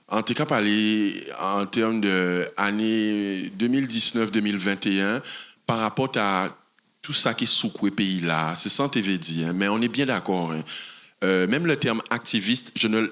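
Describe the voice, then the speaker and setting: A man's voice: lowish voice, fairly bright tone. A man speaking at a public debate as an activist, hesitant and searching for his words.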